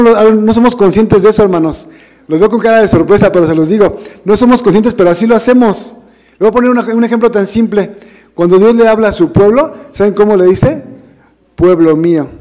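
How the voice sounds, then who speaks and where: Male minister, high mellow voice, chatty sermon delivery full of rhetorical questions to the flock. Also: in a large hall. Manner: conversational, addresses congregation as brothers, asks rhetorical questions. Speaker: minister preaching. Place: church hall.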